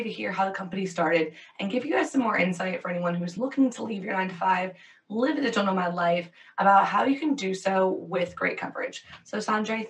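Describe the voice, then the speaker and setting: A woman's voice: mid-range voice, far from the mic, low-quality recording. A woman hosting a podcast, speaking in an upbeat, enthusiastic way as she introduces and questions her guest. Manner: enthusiastic, bubbly. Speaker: podcast host.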